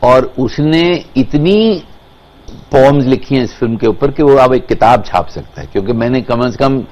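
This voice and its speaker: Very fast-talking Indian man, emphatic. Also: mid-range voice, lively intonation, a little mellow. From Kashmir, India. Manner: emphatic, mixes Hindi and English. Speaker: interview guest, filmmaker.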